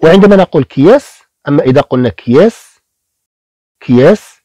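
A man teaching beginner French in Arabic, repeating each French word slowly, syllable by syllable. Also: on the high side, lively intonation, dark tone, no room sound.

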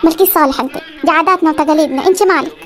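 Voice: high voice, natural voice. An actor voicing a bossy, scolding Upper Egyptian village mother in a comedy cartoon, with an Upper Egyptian accent. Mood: insistent. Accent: Upper Egyptian Arabic. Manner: scolding, ordering, quick threats.

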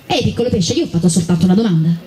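A woman voicing Peter, a gruff but kindly old woodcutter who teases and grumbles. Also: medium pitch, expressive, racing, mellow, soft background music, close to an everyday voice. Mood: grumbling. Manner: teasing, grumbling.

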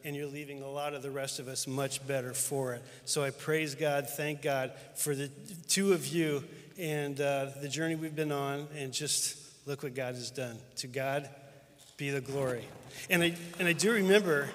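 A man's voice: mid-range voice, steady tone, normal speed. A middle-aged man, a church superintendent, giving an earnest, storytelling tribute to a pastor friend on stage. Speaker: denominational superintendent. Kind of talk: heartfelt tribute speech. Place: large church auditorium with live audience. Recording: long hall reverb.

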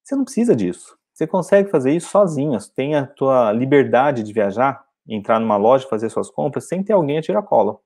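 A man's voice: mid-range voice, very animated, quick pace, few pauses, a little mellow. A man from Brazil, an English teacher, giving a casual spoken lesson and often checking in with "entendeu?". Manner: conversational, often asks "entendeu?".

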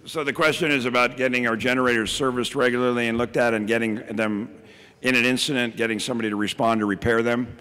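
Speaking fast and forcefully, this middle-aged man has a mid-range voice that is steady, bright and clean. As keynote speaker and county emergency services director, he talks plainly from a podium in a big echoing hall, fields questions, and frequently restarts with "ums."

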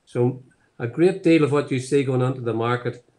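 Speaking at normal speed in a slightly mellow, mid-range voice, a Northern Irish man in his seventies who founded a distillery rambles through his story, filling it with fillers. It's an online tasting conversation, captured by his laptop webcam on a video call from his home office.

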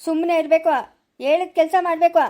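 A woman's voice: very high voice, flat delivery, fast talker, a little mellow. A woman with a Chikkaballapura Kannada accent playing a strict female jail guard who barks orders. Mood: bossy. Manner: bossy, ordering.

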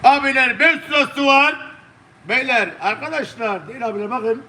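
A high-pitched Turkish man with a southeastern Turkish accent calls a live auction, taking bids from online viewers. His tone is bright and forceful at a moderate pace, and his patter is repetitive, constantly addressing the bidders.

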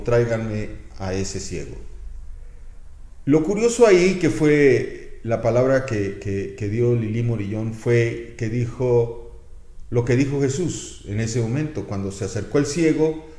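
A man's voice: medium pitch, a little mellow, roomy sound. An older man with a Mexican Spanish accent preaching a sermon as pastor, acting out pleas and adding sound effects as he talks.

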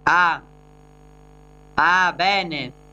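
High, bright-voiced excitable man. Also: extremely slow, highs cut off. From Italy. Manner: excitable, keeps calling out to viewers. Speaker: gaming channel host. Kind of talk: let's play commentary.

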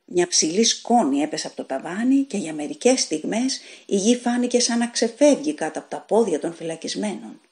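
Woman with a low voice reading a story aloud. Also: lively intonation. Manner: measured, dramatic storytelling that voices characters' shouts. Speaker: audiobook narrator. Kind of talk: scripted audiobook narration.

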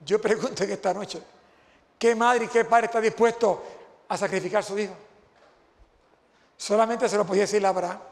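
A man's voice: high-pitched, fairly even intonation, a little fast, gravelly, pauses often. A man preaching an impassioned sermon to graduates, repeating phrases for emphasis. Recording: long hall reverb.

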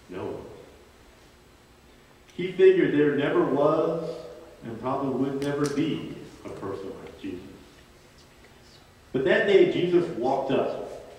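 A man preaching a sermon, telling a story slowly and deliberately with dramatic pauses. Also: mid-range voice, darkish tone. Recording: echoey hall from far off.

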